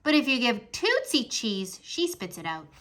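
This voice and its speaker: A woman voicing a chatty, attention-seeking little boy in a storybook read-aloud, speaking with excited outbursts. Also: a little high, moderate pace, noisy background, voice pushed up. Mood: chattering.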